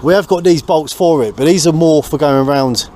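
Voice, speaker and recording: An English man hosts a boat restoration vlog, chatting casually and explaining the work as he does it in an informal, blokey manner. His voice is a little high and darkly toned, and he talks fairly quickly. It's recorded on and around a small boat, with location noise in the background.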